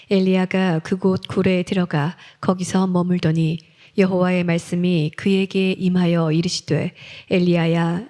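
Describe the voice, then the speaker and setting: A woman reading scripture aloud in an even, measured way. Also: lowish voice. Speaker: scripture reader.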